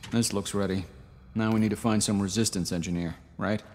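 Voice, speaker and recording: Guy voicing practical ww2 game soldier, lowish matter-of-fact man, long reverb. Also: fairly even intonation, fairly quick, slight background noise, lightly acted. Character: practical, plain-spoken male resistance fighter in wartime. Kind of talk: video game character dialogue.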